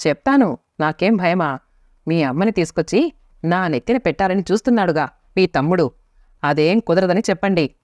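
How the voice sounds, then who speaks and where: A woman narrator voicing a sharp-tongued, quarrelsome middle-aged wife who scolds and resents her husband, in a storybook reading. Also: on the low side, expressive, fairly quick, dry recording, lightly acted. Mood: defiant. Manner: biting, scolding. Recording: dry, slightly muffled lo-fi recording.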